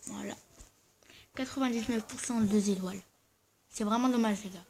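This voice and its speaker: A gravelly, medium-pitched voice with a little hiss or hum comes from a gaming video host. Their braces slightly affect how they talk, giving a somewhat slurred, odd sound, and their casual gameplay commentary is hesitant and halting, full of self-corrections.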